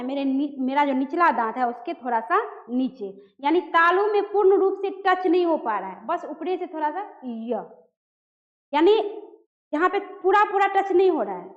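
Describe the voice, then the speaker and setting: A woman's voice: high-pitched, fairly bright tone. A woman teacher giving a grammar lesson to students, often asking a question and then answering it herself. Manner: addresses students as children, asks and answers own questions. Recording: echoey dull room recording.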